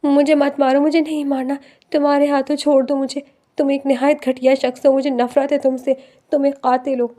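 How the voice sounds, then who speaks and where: A woman voicing a terrified young wife who shouts in frantic fear, with a high voice. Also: fairly even intonation, close to an everyday voice. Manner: shouting, raised and strained.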